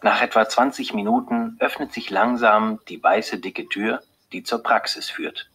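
A man narrating a story in a slow, clear and deliberate way, with a husky voice. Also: fairly low pitch, fairly even intonation, fairly bright tone, rough recording. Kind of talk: scripted audiobook narration.

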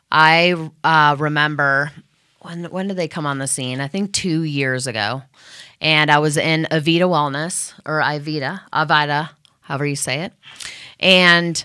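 A woman's voice: deep voice, sharp tone, smooth, no echo, studio quality. A woman radio host thanking her sponsors in a loose, rambling chat full of fillers and restarts. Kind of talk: casual thank-you to sponsors.

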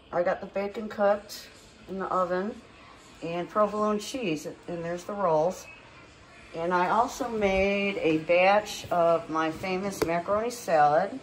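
Slow, chatty woman filming outdoors. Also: medium pitch, a little hiss or hum, rough recording. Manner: chatty, unhurried, rambling asides. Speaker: home cook filming herself. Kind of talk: casual cooking vlog. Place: outdoor deck by a lake. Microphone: phone held in hand.

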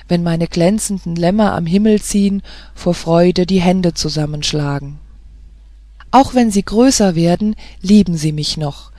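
An audiobook narrator reading a fairy tale in a measured, even storytelling manner. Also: mid-range voice, no echo, studio quality.

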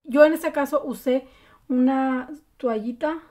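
A woman talks her viewers through a makeup tutorial in a relaxed, chatty way. Her voice sits a little high and has a warm, mellow tone, with frequent fillers between steps. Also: a little slow. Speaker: beauty vlogger.

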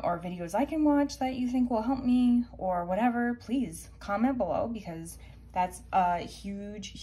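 Showing off her vegan groceries to a handheld phone camera indoors at home, this young vlogger talks in a mid-range, slightly mellow voice. Her casual chat wanders, packed with fillers and side comments, over noticeable background noise.

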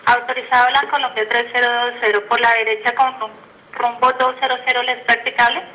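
Bright-voiced woman air traffic controller on radio. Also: fairly high pitch, level tone, brisk, poor audio. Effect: aviation radio. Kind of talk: procedural radio instructions.

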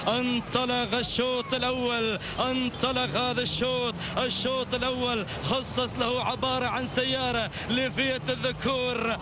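A man commentates live on a race in a Gulf Arabic accent. His voice sits extremely high yet stays on a fairly narrow band of pitch, pushed along by urgent repeated phrases and exclamations. Music plays clearly behind him.

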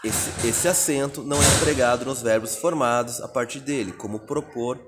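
A man's voice: mid-range voice, moderate pace, background noise. A Brazilian man teaching a recorded exam-prep lesson, reading out answer options and explaining each one step by step. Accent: Brazilian Portuguese.

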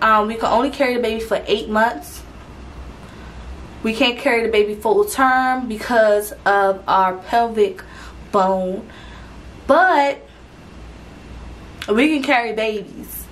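Chatty young woman vlogging, slightly high. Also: slight background noise, poor audio. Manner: chatty, rambling, with frequent restarts and fillers. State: out of breath. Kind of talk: casual talk to camera.

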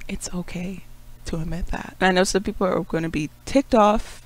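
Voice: mid-range voice, moderate pace, poor audio. A webcomic creator in a casual, rambling vlog monologue, self-critical and laughing often. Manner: calls own rising talk a puppet voice.

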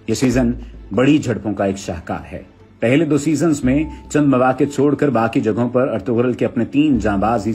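A man narrating a summary of a TV drama in a measured, formal storytelling manner. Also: on the low side, warm tone. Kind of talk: read narration.

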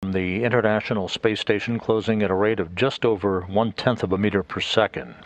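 A man with a slightly low voice commentates live from mission control. He explains events in a measured, factual manner, as an official commentator would. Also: fairly even intonation, no room sound.

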